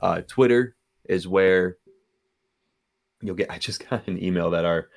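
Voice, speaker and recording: Young male sports show host, deep voice with gravelly fry, laid-back delivery. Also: unhurried. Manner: relaxed, plugs socials and sponsor. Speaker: podcast host. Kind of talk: casual sports chat.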